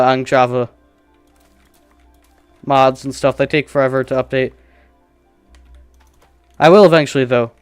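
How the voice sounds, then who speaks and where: A man's voice: a little high, smooth, dry recording. A man streaming a survival game, casually thinking aloud and joking at his own expense while he plays. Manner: rambling, self-deprecating, thinking aloud.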